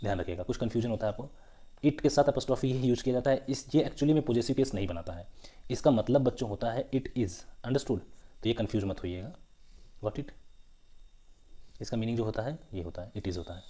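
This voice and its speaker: A man's voice: medium pitch, animated, fairly quick, dark tone. A male grammar teacher giving an online exam-prep lesson in a mix of Hindi and English, often stopping to ask his students whether they understood. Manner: explains in Hindi mixed with English, keeps asking "understood?". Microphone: writing with a pen tablet while teaching.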